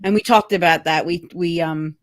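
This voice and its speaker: A woman hosting a podcast, casually recounting a trip with pauses and fillers. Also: on the low side. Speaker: podcast host. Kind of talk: casual chat.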